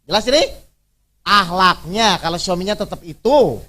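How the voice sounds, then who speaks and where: High, bright-voiced preacher quizzing his audience. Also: lively intonation, normal speed. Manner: quizzes the audience with constant questions; conversational, teasing, plain everyday examples. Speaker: Islamic preacher leading a workshop. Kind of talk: interactive religious workshop talk.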